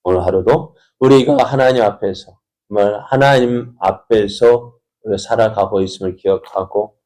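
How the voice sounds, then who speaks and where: A man's voice: fairly low pitch, moderate pace, a little mellow. A male pastor giving an early-morning sermon, often putting rhetorical questions to the congregation. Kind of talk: dawn prayer sermon.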